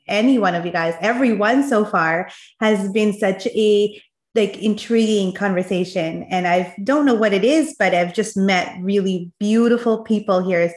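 A woman's voice: medium pitch, roomy sound. A woman hosting a podcast interview, introducing her guest in an effusive, enthusiastic way. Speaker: podcast host.

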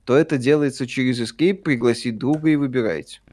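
A man with a mid-pitched voice co-streams a game. He chats casually and relays what viewers write. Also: fast, darkish tone. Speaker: co-streamer reading out viewer messages and thanks. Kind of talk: casual gaming stream chat.

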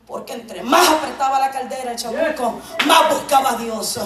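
A woman giving a fervent sermon testimony, going from quiet storytelling to shouted preaching. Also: sits high, normal speed, very noisy. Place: church hall. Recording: echoey church PA from far off. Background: music and congregation.

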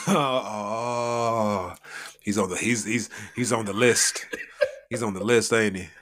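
A man's voice: lowish voice, takes it slowly, a bit bright. An American man co-hosting a podcast, chatting casually and telling anecdotes in slangy speech, acting out the dialogue. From United States. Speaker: podcast co-host.

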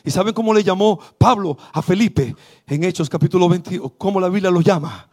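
A man preaching a sermon as bishop in Dominican Spanish, fervent and calling out to his congregation as his voice swells to shouts. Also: high voice, brisk. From Dominican Republic. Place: church service.

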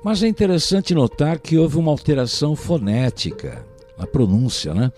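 A man teaching language in a recorded lesson speaks with a Brazilian Portuguese accent, using a fairly high, warm voice with big pitch swings at a moderate pace. He patiently explains and repeatedly asks "né?" to check on the listener, as faint music plays.

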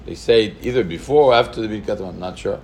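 A man's voice: lowish voice, racing, darkish tone, a little hiss or hum. A man teaching a halachic lesson, thinking aloud with rhetorical questions and mixing Hebrew terms into his English. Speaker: Torah teacher. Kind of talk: halachic lecture.

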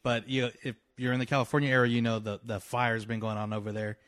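A man's voice: mid-range voice, level tone, fast talker, no echo, clean studio sound. A man co-hosting a casual podcast, talking in an easygoing, rambling way. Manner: easygoing, rambling shout-outs. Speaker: podcast co-host. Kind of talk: casual chat.

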